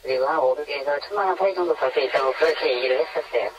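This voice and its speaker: Guy in his 20s w/ voice changer, slightly high, muffled phone interview. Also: rapid-fire. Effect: electronically disguised voice for anonymity. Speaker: anonymous interviewee. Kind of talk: phone interview, recounting experience. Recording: dull, narrow phone line on radio.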